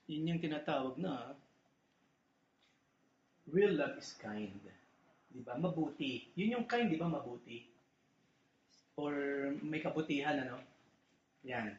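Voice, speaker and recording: A man with a slightly high voice gives a relaxed, joking sermon in a church hall, speaking slowly with long pauses and frequently asking "di ba?". The chatty talk comes through an echoey, muffled recording with a little hiss or hum.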